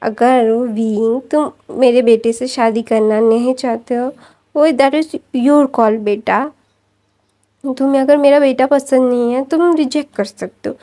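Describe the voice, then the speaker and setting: A woman voicing a sharp-tongued middle-aged mother who scolds and dismisses others. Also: a little high, lightly acted.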